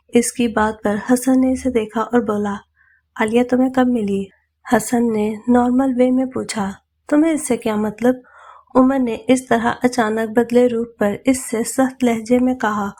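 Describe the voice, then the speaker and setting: A woman narrating a romantic novel as a steady, scripted audio reading. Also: on the high side.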